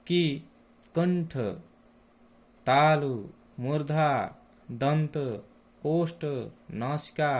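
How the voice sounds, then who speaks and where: A man teaching a class lesson, speaking slowly and deliberately and lingering on each sound. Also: medium pitch.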